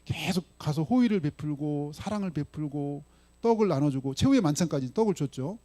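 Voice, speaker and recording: Fairly high in pitch, mellow, animated and brisk, this man's voice belongs to a pastor giving a relaxed, conversational sermon. He keeps checking in with his congregation and speaks Jesus's part of the dialogue himself.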